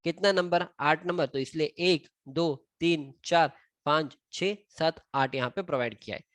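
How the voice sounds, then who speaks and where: In this screen-recorded drawing tutorial, a man with an Indian accent teaches civil engineering drawings in a fairly high, somewhat bright voice at an unhurried pace. He mixes Hindi and English and counts items aloud as he points to them. There is no room sound.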